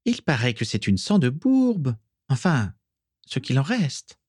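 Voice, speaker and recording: A man's voice: medium pitch, big pitch swings, unhurried, darkish tone, slightly rough, no room sound, studio quality, voice pushed up. A man voicing a haughty, spiteful teenage schoolgirl who sneers with disdain in an audiobook reading. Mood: disdainful. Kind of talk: audiobook character voice.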